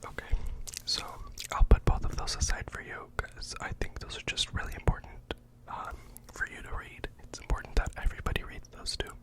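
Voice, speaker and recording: Whispered role-play: deadpan librarian recommending books, fully breathy whisper, mock-earnest, slightly hesitant. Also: brisk. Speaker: ASMR performer playing a librarian recommending books.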